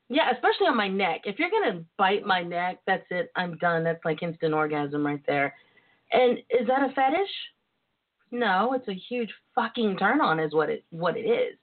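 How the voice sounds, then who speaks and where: A woman with a Southern US twang hosting a talk show in a casual, sassy, flirtatious way, full of endearments. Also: a little high. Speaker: podcast host. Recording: tinny phone-line internet radio sound.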